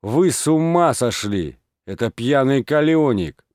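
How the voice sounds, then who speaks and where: A man voicing a pompous old village head who shouts orders in an audiobook reading. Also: mid-range voice, lively intonation, unhurried, no room sound, clean studio sound, pitched above the performer's own voice, natural voice. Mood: gruff. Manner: blustering, commanding, shouting orders.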